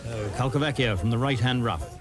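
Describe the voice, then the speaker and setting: A man's voice: mid-range voice, fairly quick. A man giving live television golf commentary in short phrases, exclaiming and reacting to each shot as it happens. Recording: outdoor crowd noise over archive broadcast. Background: loud crowd and outdoor ambience.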